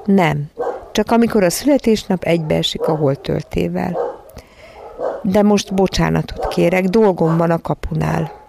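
Woman reading as a friendly bear, slow, low, gravelly, dry sound. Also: noisy background. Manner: slow, easygoing, smiling. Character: calm, friendly zoo bear at the gate.

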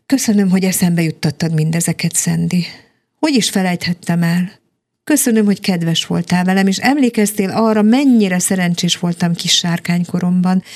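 A woman voicing a grumpy, lonely male dragon in a children's story, with a low, gravelly voice that snaps angrily. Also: a little mellow, natural voice. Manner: snapping, then tearful and grateful.

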